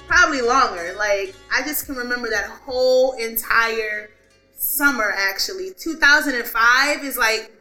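A woman telling a story in casual chat, animated, laughing often, with lots of "like". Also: fairly high pitch. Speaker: podcast co-host. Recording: roomy echo, faint music behind.

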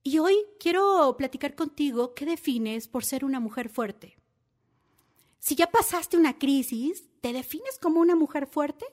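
A woman's voice: high-pitched, animated, a little slow, darkish tone. A woman hosting a motivational podcast, talking intimately and asking the listener direct questions. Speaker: podcast host.

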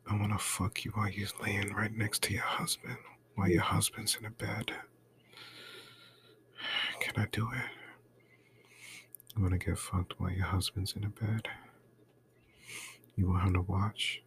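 Low, slow man in close ASMR role-play. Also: flat delivery, slight background noise. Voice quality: breathy, mostly soft-spoken low voice. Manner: close, right-in-your-ear delivery, breathy and coaxing.

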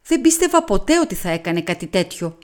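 A woman voicing a vain, wealthy lady who pleads tearfully in a shrill, emotional voice in a storybook reading. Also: very animated, a little mellow, lightly acted. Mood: anxious.

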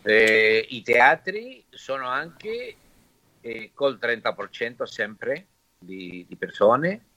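Halting Argentine man, bright forceful voice. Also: medium pitch, sing-song, no echo. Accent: Argentine Spanish. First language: Spanish. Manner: halting, searching for words in Italian. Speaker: interview guest. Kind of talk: casual conversational interview.

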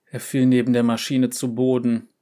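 Guy reading a short story out loud, calm and steady, normal pitched voice. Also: moderate pace. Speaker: narrator.

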